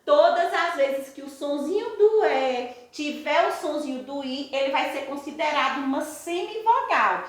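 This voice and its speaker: A woman teaches a grammar class to young children, her voice high and her pace unhurried. She explains patiently, keeps circling back, and asks the class questions she then answers herself. The recording sits in a very echoey room. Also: lively intonation. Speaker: primary school teacher.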